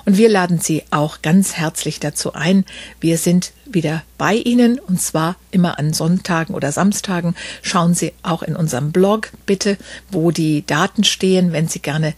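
A woman's voice: on the low side, moderate pace, darkish tone, breathy edge, no echo. A woman hosting a podcast, reading a story aloud and then interviewing a guest with eager questions and many fillers. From Berlin.

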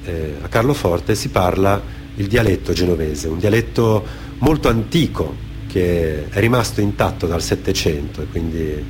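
This man from Genoa, Italy, has a low, animated, slightly mellow voice at an ordinary pace. He performs on a radio theatre show as storyteller and author, mixing improvised anecdotes with read testimony in a reflective way that occasionally stalls and repeats itself, with music playing behind him.

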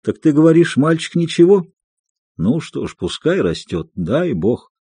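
A man reading an audiobook and voicing a weary, gentle old merchant who speaks quietly. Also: on the high side, very animated, a little slow, slightly rough, no room sound, voice pushed up, exaggerated voice.

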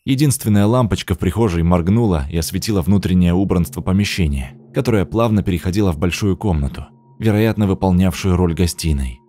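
Deep-voiced man narrating a story. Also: fairly quick, dark tone, a little hiss or hum. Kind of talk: audiobook narration.

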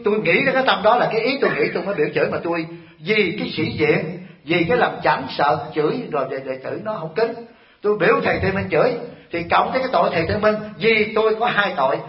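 A man giving a Buddhist sermon to an audience, telling stories and firing rhetorical questions at his listeners in an animated, scolding way. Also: high-pitched, fast talker. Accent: Vietnamese. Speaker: Buddhist monk teacher. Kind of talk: dharma talk sermon. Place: temple hall. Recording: echoey hall, dull lo-fi sound.

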